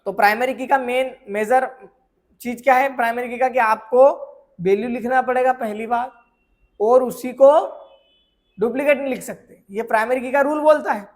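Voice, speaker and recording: A man teaching a software course, explaining with everyday examples and often asking whether students have understood. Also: extremely high pitch, fairly even intonation, normal speed. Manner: keeps checking if students follow; asks rhetorical questions and answers them. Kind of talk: screen tutorial lesson.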